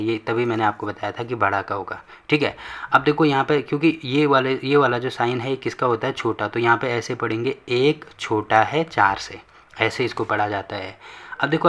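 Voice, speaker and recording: A man teaches a maths lesson in a bright, forceful voice. He explains each step patiently and repeats points often, asking questions and answering them himself. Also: medium pitch. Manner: patient, repetitive, asks and answers own questions.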